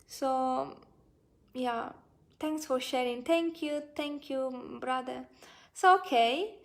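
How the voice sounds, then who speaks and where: A woman's voice: high voice, vocal fry. A woman in her twenties hosting a live Buddhist talk stream. She reads viewer comments aloud and answers them in a hesitant, friendly way with many fillers and restarts. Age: 20s. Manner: friendly, thanks viewers often. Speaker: Buddhist Dhamma speaker and live-stream host.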